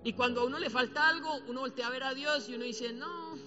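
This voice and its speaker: A man with a Colombian accent preaching a sermon as a pastor, colloquial and animated, acting out quotes as he tells stories. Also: very high-pitched, quick pace. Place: church. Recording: church hall reverb, dull sound, soft music behind.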